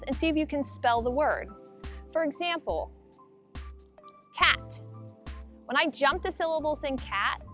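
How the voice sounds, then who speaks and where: Upbeat woman teacher with a high voice, clear and demonstrative for young children. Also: bright, forceful tone. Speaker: elementary school teacher. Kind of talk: video lesson for children.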